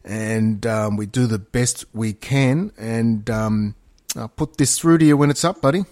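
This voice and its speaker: Man, mid-pitched, close dry sound, opinionated podcast chat, emphatic, rambling, repetitive. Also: measured pace, a little mellow, no room sound. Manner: rambling, emphatic, repeats himself, matey. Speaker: podcast co-host. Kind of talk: casual opinionated podcast talk.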